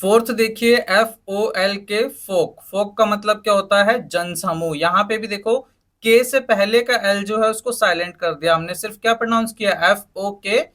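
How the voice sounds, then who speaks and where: High, bright man teaching. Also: moderate pace. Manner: asks rhetorical questions and answers them, spells words letter by letter. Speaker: English teacher. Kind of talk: spoken English lesson in Hindi.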